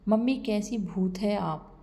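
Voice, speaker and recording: An angry young husband, as a woman storyteller puts him on, accusing and mocking his wife. The voice is mellow and unhurried. This is a storybook reading. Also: medium pitch.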